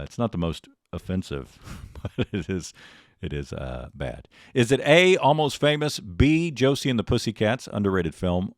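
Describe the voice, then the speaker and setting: A man's voice: lowish voice, no echo, studio quality. A man hosting a comedy show, telling stories and running a quiz with wry sarcasm. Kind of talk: comedic monologue and game hosting.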